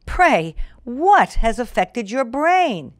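A woman voicing a cocky male hare in a storybook reading, scornful and teasing, a little above her own pitch. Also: big pitch swings, slow, no room sound, clean studio sound. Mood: mocking.

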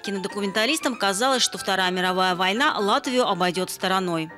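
A woman's voice: mid-range voice, brisk, sharp tone, faint music behind. A woman reporter reading a scripted news voice-over.

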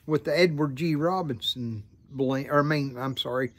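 A man in his fifties with an American Southern accent, chatting to camera in an unhurried, folksy, rambling way. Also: medium pitch, fairly bright tone. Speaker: vlogger and hobby pipe maker. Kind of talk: casual chat to camera. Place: outdoors by a farm field.

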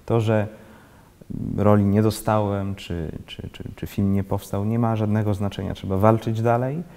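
A man in his thirties who grew up in Switzerland, an actor being interviewed, talking haltingly and restarting often as he searches for words. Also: on the low side, flat delivery, mellow, long reverb tail. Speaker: actor, guest. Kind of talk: casual interview talk. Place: indoor library room with bookshelves, seated in armchair.

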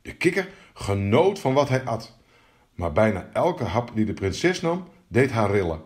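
A man reading a fairy tale aloud in an expressive, animated storytelling manner. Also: lowish voice, a little slow.

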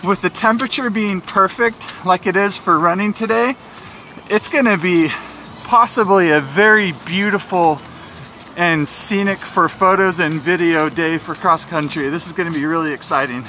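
A man talking casually to a handheld camera outdoors, his voice sitting a little high for a man. He jokes and narrates as he walks around a rainy race course. Clear outdoor noise and passing traffic run under everything he says. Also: moderate pace, pushed and bright. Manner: chatty, jokey, narrating while walking. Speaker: filmmaker documenting a race. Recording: noisy outdoor ambience with traffic.

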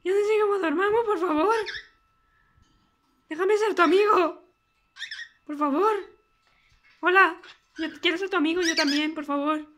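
A woman with a Spain Spanish accent voicing a pleading male cockatiel who begs the neighbours to be his friend. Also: fairly bright tone. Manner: begging, whiny, high-pitched.

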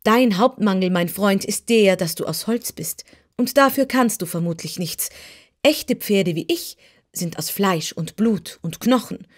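A woman's voice: medium pitch, animated, a little slow. A woman voicing a proud, boastful male cab horse who lectures in a pompous way, in a storybook reading. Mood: condescending.

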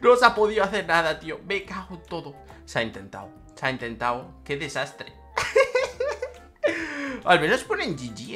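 A young woman with a Spain Spanish accent giving excitable gameplay commentary, jumping from loud shrieks to muttered asides. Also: sits low. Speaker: gaming YouTuber.

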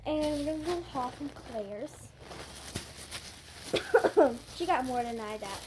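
A young girl hosts a casual haul vlog in a small bedroom, speaking close to a phone camera. Her voice sits high and she chats loosely, giggling and stumbling over words. The home recording carries clear background noise. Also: unhurried. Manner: chatty, giggly, restarts often. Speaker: vlog host. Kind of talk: casual haul video chat. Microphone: handheld phone camera close up.

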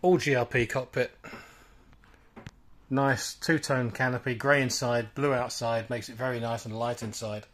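Male broker, walkthrough tour, short listing phrases, mid-pitched, camera mic aboard a boat. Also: fairly even intonation, measured pace, fairly bright tone. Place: aboard a small motor boat, cabin and cockpit.

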